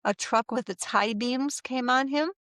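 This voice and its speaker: A middle-aged woman recounting a personal experience in a casual interview, animated and acting out what others said, with frequent laughs. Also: a little high, measured pace, no echo, clean studio sound. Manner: animated, acts out quoted voices, laughs often. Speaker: interview guest.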